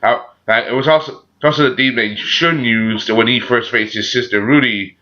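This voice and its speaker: A man with a sore throat gives a casual, unscripted review as a channel host, halting and often repeating himself with frequent filler phrases. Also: mid-range voice, steady tone, bright, forceful tone. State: sore throat, a little sick. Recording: dull, muffled lo-fi audio.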